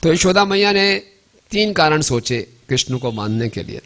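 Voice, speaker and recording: A male preacher telling a devotional story in a temple sermon. He often adds tag questions and slowly chants verses. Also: on the high side, sing-song, a bit bright.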